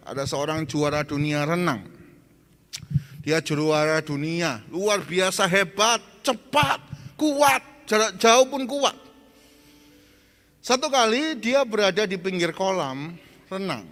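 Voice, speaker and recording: Pastor guy preaching, high voice, goes loud then quiet, stories with voices, big hall sound with soft music. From Indonesia. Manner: animated storytelling, acts out cries for help; swings between loud exhortation and soft, hushed lines. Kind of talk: sermon.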